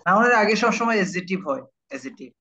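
A Bangladeshi man delivers an IELTS class online in real time, speaking very fast with lively intonation in a high, sharp-toned voice. He repeats key words and keeps asking if students follow, all on a low-quality recording.

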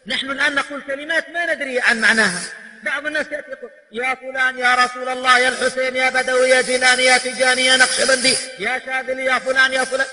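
A man's voice: very high-pitched, bright, forceful tone. A man preaching a sermon lecture who keeps asking the audience rhetorical questions. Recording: long hall reverb.

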